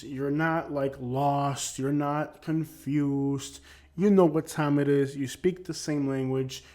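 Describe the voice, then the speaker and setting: A man's voice: a little high, a little mellow. A man hosting an opinion channel, delivering blunt, emphatic commentary that keeps repeating its points. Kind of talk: opinionated commentary on arrest records.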